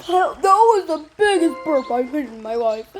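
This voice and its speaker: A woman's voice: sits high, sing-song, normal speed, soft background music. A woman goofing around in a playful voice recording session, exclaiming and giggling.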